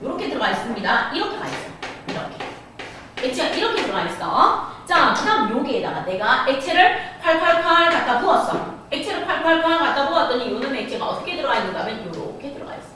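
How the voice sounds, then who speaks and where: A woman's voice: sits high, sing-song, quick pace. A woman teaching a middle school science class, repeating key points and prompting students with singsong questions. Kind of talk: classroom lecture. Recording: echoey room, distant mic, noisy.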